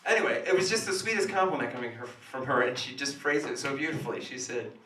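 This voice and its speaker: A man doing crude, self-mocking stand-up comedy in a small cafe, with a rough, wrecked voice. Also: mid-range voice, fast, a bit bright. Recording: echoey room, distant mic, live music.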